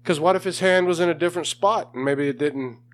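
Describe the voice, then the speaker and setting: A man's voice: a little high, fast talker, slight background noise. A man co-hosting a podcast, chatting casually, blunt and swearing freely. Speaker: podcast co-host. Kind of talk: casual chat.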